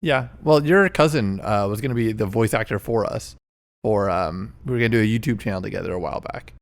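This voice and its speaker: A man's voice: fairly low pitch, a little fast. A man in his twenties co-hosting a podcast, rambling casually and poking fun at himself. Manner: rambling, self-deprecating, restarts often. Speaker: podcast co-host. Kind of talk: casual chat.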